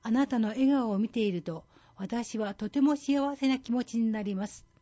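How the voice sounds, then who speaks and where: A woman's voice: fairly high pitch, normal speed, mellow, muffled recording, natural voice. A woman voicing a polite, loving elderly grandfather with tender, earnest phrasing. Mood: earnest, affectionate.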